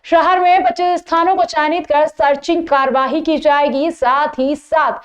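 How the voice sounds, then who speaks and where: High-voiced woman reading local news. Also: normal speed. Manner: formal, steady newsreader delivery. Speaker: news anchor.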